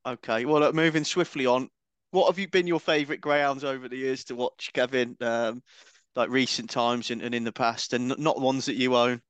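A man's voice: mid-range voice, fairly even intonation, moderate pace, smooth, dry recording. A man with an English accent chatting casually as he interviews a guest on a podcast.

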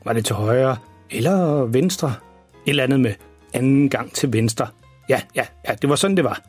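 A man's voice: medium pitch, lively intonation, darkish tone, husky, faint music behind. A man playing an embarrassing, boastful father who rambles through tall tales in a children's story. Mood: cheery. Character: boastful, embarrassing dad, tall-tale teller.

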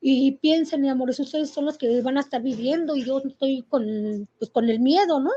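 Middle-aged Mexican woman, interviewee, high mellow voice, halting emotional telling, muffled lo-fi sound. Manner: halting and emotional, with many fillers and restarts. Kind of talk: personal testimony. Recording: muffled lo-fi recording.

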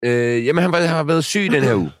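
A man's voice: fairly high pitch, no room sound, studio quality. A man in his thirties, a podcast co-host, telling a story in casual chat with many fillers and restarts.

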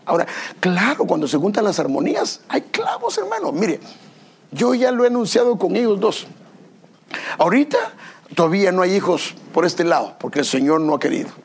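Pastor guy preaching, husky high voice, jokes about himself a lot. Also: moderate pace. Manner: self-deprecating, animated storytelling, asks the congregation questions. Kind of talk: sermon with personal anecdotes. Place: church service.

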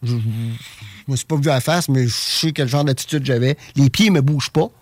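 A man with a Québécois French accent tells a personal story in a casual, animated way, stumbling over and repeating his words. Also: medium pitch, normal speed, no room sound. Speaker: guest telling an experience.

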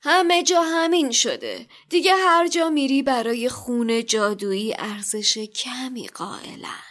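A woman voicing an oily, fawning male shopkeeper who speaks slowly and grovels. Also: high-pitched, lively intonation, fairly bright tone, voice pushed up. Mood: confiding. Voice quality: greasy smooth voice. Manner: slow, groveling.

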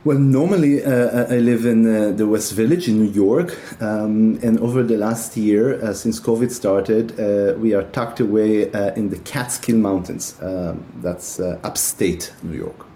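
A middle-aged man from Israel speaks in a mellow, warm tone. He talks casually as a guest, stopping often with fillers and restarts. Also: lowish voice, measured pace, hardly any pauses, slight background noise. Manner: many hesitations and filler sounds. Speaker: guest, tech company executive. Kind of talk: casual interview talk.

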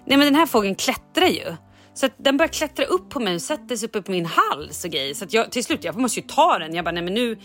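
A woman's voice: fairly high pitch, big pitch swings, fairly bright tone, faint music behind. A woman hosting a podcast in casual chat, telling a story with animation and acting out her own lines. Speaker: podcast host.

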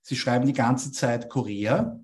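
A man's voice: mid-range voice, measured pace, a little mellow. Man, young adult, interview guest, explanatory, frequent questioning "ja?". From Austria. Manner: tags statements with a questioning "ja?". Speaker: copywriting expert guest.

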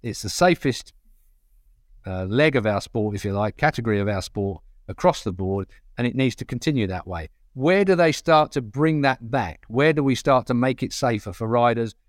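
A man's voice: mid-range voice, expressive, moderate pace, dry recording. Give me a middle-aged Essex man, an emphatic, plain-spoken pundit, recorded dry. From Essex, England. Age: middle-aged or older. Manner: blunt, colloquial, emphatic. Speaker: motorcycle racing pundit. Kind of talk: opinionated casual panel talk.

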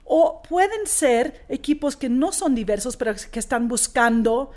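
An impact investor in her forties who grew up in Australia appears as an interview guest, speaking in a language she learned later. She talks earnestly and animatedly at an unhurried pace, with frequent fillers and restarts, in a slightly high, somewhat mellow voice.

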